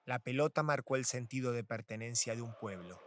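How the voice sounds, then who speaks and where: A man narrating a travel documentary in a measured, scripted voice. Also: mid-range voice, fairly bright tone, a little hiss or hum. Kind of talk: documentary voice-over.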